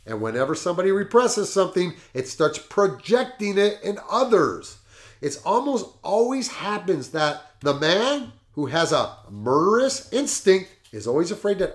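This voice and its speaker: Man, middle-aged, show host, reads from a book, comments between passages, slightly high voice, very expressive pitch. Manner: animated, laughs at the jokes he reads. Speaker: podcast host. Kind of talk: reading aloud and commenting on a book.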